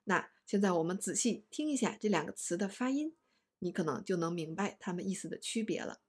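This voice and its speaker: A woman teaching an online language lesson, explaining words slowly and stressing each example. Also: lowish voice, lively intonation, slightly rough.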